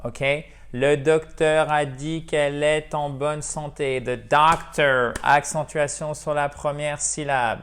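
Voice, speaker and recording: A man giving a video English lesson in French, explaining verbs and slowly modelling English example sentences. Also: fairly high pitch, clean tone. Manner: addresses viewers as dear friends. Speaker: English teacher.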